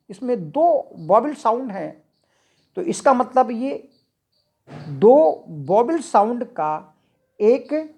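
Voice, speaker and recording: A woman lectures at an unhurried pace, her voice a little high but soft and warm in tone. She explains patiently, repeating key terms and dropping English definitions into her teaching. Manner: slow, repetitive, mixes English definitions into Hindi.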